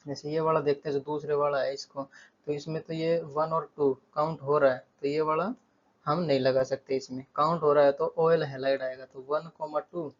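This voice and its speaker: Male tutor, slightly high voice, patient board-side explainer, dull recording. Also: normal speed. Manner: steady, repeats terms, counts aloud. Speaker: chemistry tutor. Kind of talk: whiteboard lesson explanation.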